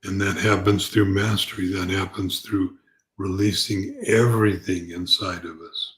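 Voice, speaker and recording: Male spiritual teacher, low register, calm gentle delivery, reflective and halting, off the cuff. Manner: halting, repeats words as he goes. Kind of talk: unscripted spiritual talk.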